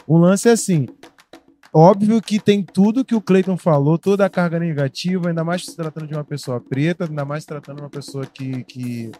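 A man's voice: fairly high pitch, fairly quick, warm tone, soft background music. A man co-hosting a casual chat, speaking hesitantly and hedging, with many restarts.

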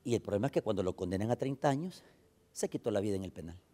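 A man with a Salvadoran accent preaching a sermon, emphatic and swinging between loud and soft, often calling out to the brothers. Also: on the low side, lively intonation, rapid-fire.

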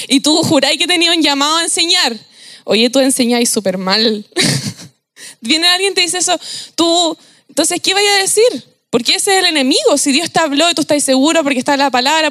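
Young woman, Chilean accent, high voice, dry close sound, casual slangy sermon, animated. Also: dry recording. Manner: slangy and animated, laughing often. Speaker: youth preacher.

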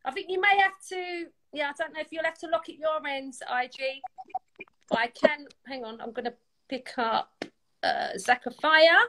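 A woman's voice: sits high, moderate pace, sharp tone, rough recording. A woman with a south London accent hosting a casual live music chat in an effusive, encouraging way. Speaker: online music show host.

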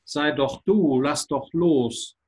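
A man's voice: fairly high pitch, takes it slowly, a little mellow, husky. A man telling of a small frightened wave. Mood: yielding. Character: small anxious wave, fearful, clinging to itself.

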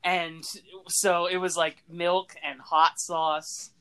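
Bright, laughing young man. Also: fairly high pitch, drawn-out words, clean tone. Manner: laughs often, storytelling with animated asides. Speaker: podcast host. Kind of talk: casual chat among old friends.

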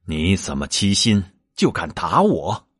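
Stern, gentle monk master, male, low and slow with a husky tone, read by a male storyteller. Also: big pitch swings, no room sound, clean studio sound, exaggerated voice. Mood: admonishing.

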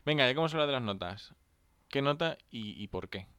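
A man with a Spanish accent from Spain, giving measured, wry opinions in a casual film review chat. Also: medium pitch, expressive, a bit bright, smooth, no echo. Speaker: film podcast co-host.

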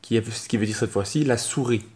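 A man co-hosting a podcast, teaching English pronunciation to French speakers and repeating each word pair slowly and carefully. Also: medium pitch, a little mellow. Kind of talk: slow, careful pronunciation lesson.

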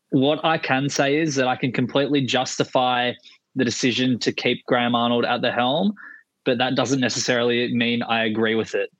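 A man giving conversational football opinions as a panelist, measured and considered. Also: mid-range voice, fairly bright tone, dry recording, rough recording. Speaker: podcast panelist.

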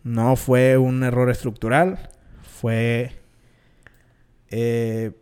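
Clear-voiced Mexican man, halting storyteller. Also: mid-range voice, little pitch movement, a little mellow. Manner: halting, slangy, drawn-out storytelling. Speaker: podcast co-host. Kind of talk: casual conspiracy storytelling.

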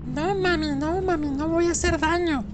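A woman's voice: extremely high pitch, moderate pace, background noise. A woman voicing a demon posing as a small boy, calling in a singsong, mocking way. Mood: menacing. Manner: singsong, taunting child's calls. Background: music.

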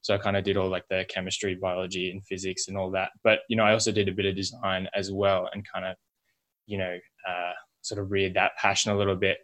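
Informal, low-voiced young Australian man. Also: monotone, fast, a bit bright. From Melbourne, Australia. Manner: informal, rambling, hedging with like, you know, kinda, whatnot. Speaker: podcast guest, logo and brand designer. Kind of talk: casual interview chat.

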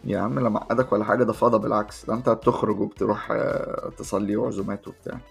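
Fast-talking Egyptian man co-hosting a podcast. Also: on the low side, steady tone, gravelly, slightly rough, faint music behind. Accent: Egyptian Arabic. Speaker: podcast co-host. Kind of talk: casual chat between friends.

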